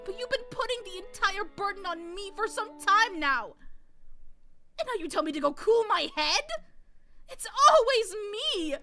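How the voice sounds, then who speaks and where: A woman's voice: extremely high pitch, lively intonation, a little fast, few pauses, pushed and bright, exaggerated voice. A woman reading the part of a proud wife berating her husband, with music behind. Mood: aggrieved. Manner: rising, accusing. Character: proud indignant wife, bitter and hurt. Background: music playing.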